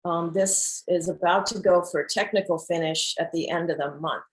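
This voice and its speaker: A woman filmmaker introducing clips from her documentary on a video call, pausing often with fillers. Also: on the low side, steady tone, rough recording. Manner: hesitant, many fillers. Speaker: filmmaker presenting her work. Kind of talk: hesitant art-talk presentation.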